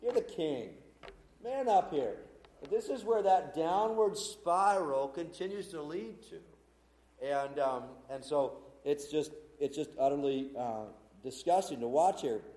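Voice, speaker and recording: A man's voice: on the high side, unhurried, a little mellow. Earnest preacher man in a roomy space. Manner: retelling scripture in his own words, earnest and conversational. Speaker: pastor. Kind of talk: sermon.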